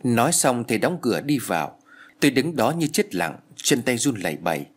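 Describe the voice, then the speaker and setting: A man narrating a ghost story as a storyteller with an expressive, dramatic reading. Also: mid-range voice, moderate pace, breathy edge. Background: faint music.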